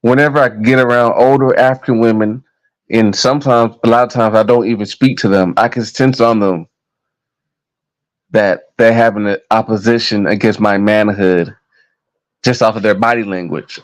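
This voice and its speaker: A man's voice: fairly low pitch, steady tone, moderate pace, poor audio. An American man in his thirties talking to his viewers in a casual, heated monologue, blunt and full of profanity. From United States. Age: 30s. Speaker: vlogger.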